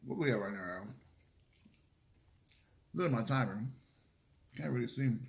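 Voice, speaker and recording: A man's voice: medium pitch, expressive, a little slow, vocal fry. A man chatting casually to camera during a mukbang, opinionated and sassy, with emphatic, slangy, swearing delivery between bites. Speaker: vlogger hosting a mukbang. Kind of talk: casual chit-chat to camera while eating. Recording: roomy, echoey room sound.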